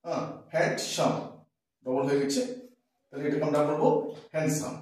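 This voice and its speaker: Male English teacher, slightly high voice, spells and repeats words, heavy room echo. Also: very animated, very fast, dark tone. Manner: spells words letter by letter and repeats them, asks checking questions. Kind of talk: pronunciation lesson. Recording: echoey room, voice from a distance.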